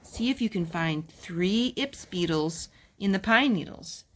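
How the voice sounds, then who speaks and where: Unhurried and mid-range with lively intonation, a mother reads aloud in a children's storytime filled with chat and song. She keeps asking the child questions and repeating back what they say.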